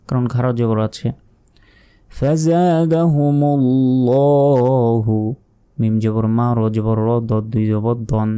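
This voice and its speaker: A man teaching Quran reading step by step, patiently spelling out letters and chanting verses slowly. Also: medium pitch, warm tone, clear, resonant tone. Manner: slow, drawn-out chanting of verses between plain explanations; patient, methodical spelling out of letters and vowel marks. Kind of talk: step-by-step recitation lesson.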